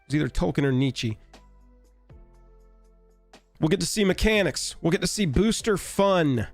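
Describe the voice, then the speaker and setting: Raspy-voiced sick man, wry live-stream host. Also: a little high, lively intonation, a little slow, soft background music. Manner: rambling, wry and offhand. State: sick, hoarse. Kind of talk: casual live-stream chat.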